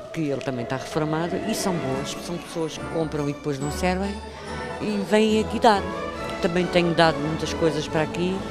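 A woman in her sixties with a European Portuguese accent, a shopper chatting plainly in a street interview at a charity fair. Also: deep voice. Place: large indoor hall with clothing stalls. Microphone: handheld reporter mic.

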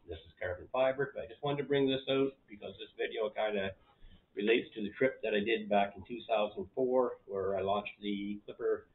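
A middle-aged man sits in his living room and chats straight to the camera, his voice a little low and unhurried. He rambles at an easy pace and fills the gaps with "uh" and "yeah". The sound is thin and tinny, like a phone line. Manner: relaxed, rambling, with frequent fillers. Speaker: channel host. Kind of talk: casual vlog talk to camera. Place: living room at home, indoors. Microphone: camera in front of him.

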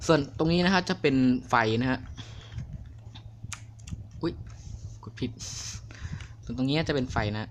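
A young man casually reviewing a mechanical keyboard, chatty and excitable, a little crude. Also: mid-range voice, noisy background. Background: clicky keyboard typing.

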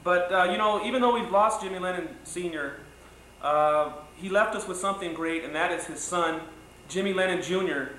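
Middle-aged male host, high bright voice, halting conversational delivery, echoey home video sound. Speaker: boxing show host. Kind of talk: spoken tribute to camera. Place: living room, indoors. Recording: echoey room, faint noise, old video.

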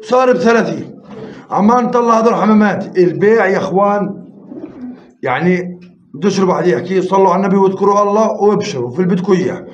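A man runs a pigeon auction on a live stream, counting bids rapidly and coaxing viewers to join. The audio is roomy and slightly muffled, with faint noise and pigeons cooing behind him. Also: sits high.

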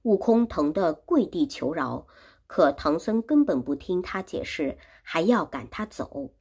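A woman's voice: on the low side, sing-song, a little slow, darkish tone, slightly rough. A woman teaching Chinese who retells a classic story in simple words and repeats and explains each phrase. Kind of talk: storytelling lesson.

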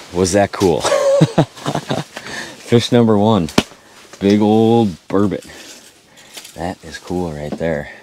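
A man in his thirties with a very low, deep voice talks excitedly to his viewers as he fights fish from inside an ice-fishing tent. His audio comes from an action camera mic and carries a faint hiss underneath. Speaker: fishing vlogger. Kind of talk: excited play-by-play vlog.

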